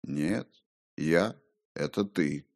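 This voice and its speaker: A man voicing a ghostly male double, a conscience that speaks low, hushed, calm and taunting, in an audiobook. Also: extremely slow, gravelly, exaggerated voice. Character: eerie whispering male double, his conscience. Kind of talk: audiobook character voice.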